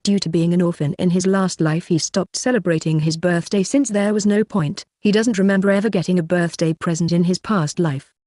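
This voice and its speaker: A narrator reading a fantasy story aloud in an even, steady way. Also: mid-range voice, a little fast, few pauses, dry recording, studio quality. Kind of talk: scripted audiobook narration.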